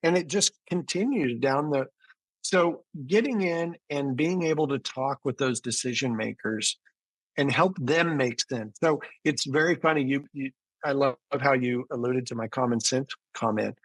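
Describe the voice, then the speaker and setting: A physician who also founded a business answers interview questions in an explanatory, conversational way, frequently restarting his phrases. His voice is medium-pitched and moderately paced, and the recording is rough, with no room sound.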